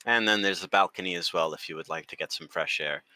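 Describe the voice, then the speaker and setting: A man narrating as game master of a tabletop game, calm and formal. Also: low-pitched, quick pace, poor audio.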